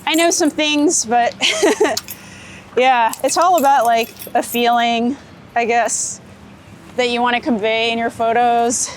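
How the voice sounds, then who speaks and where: A woman shooting street portraits under a city bridge chats in an easygoing, giggly, unscripted way during an interview. Her voice is on the high side with fairly even intonation, and her delivery is slow. Traffic and city sounds run through the outdoor recording.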